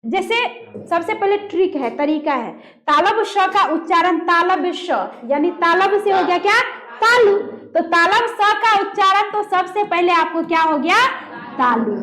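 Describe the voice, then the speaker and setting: A woman's voice: extremely high pitch, expressive, unhurried, fairly bright tone. A woman teaching a grammar lesson, demonstrating sounds aloud and quizzing her students. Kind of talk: classroom lesson on pronunciation.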